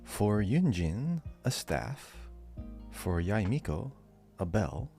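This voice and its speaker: A man with a lowish, warm voice speaks slowly but with great animation. He is the podcast's co-host and quizmaster, chatting casually as faint music plays.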